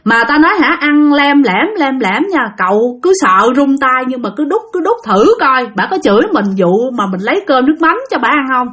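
A woman's voice: high voice, expressive, normal speed, hardly any pauses, fairly bright tone. A woman telling a ghost story in a casual, chatty way, often speaking straight to her listeners. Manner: chatty, addresses listeners directly.

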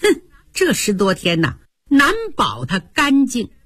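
A clever, fiery young maid , as a woman storyteller puts her on, with a husky voice that leaps high and low. She rattles off quick, chiding remarks. Dry, close radio storybook sound. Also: huge pitch swings, fairly bright tone, dry recording, heavily acted. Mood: sly.

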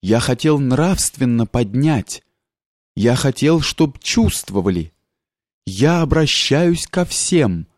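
A man voicing a pompous older general who shouts in a shrill, outraged way. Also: animated, slow pace, no room sound, clean studio sound. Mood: pleading.

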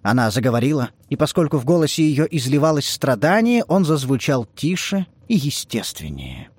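A male audiobook narrator reading literary prose in a measured, even way. His voice sits slightly higher than most men's. The recording is dry and close, with no room sound. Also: husky, no room sound.

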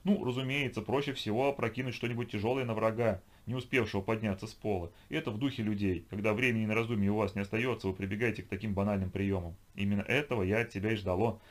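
A man voicing a calm, contemptuous inhuman twilight creature that taunts its human enemies. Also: on the low side, quick pace, hardly any pauses, natural voice. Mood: coldly mocking. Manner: calm, mocking, superior. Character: cold, contemptuous inhuman twilight being, female.

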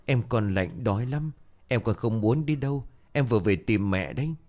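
A man's voice: on the low side, animated, moderate pace, darkish tone, natural voice. A man voicing a grieving middle-aged mother who begs through tears in a plaintive voice. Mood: pleading grief. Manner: plaintive, begging.

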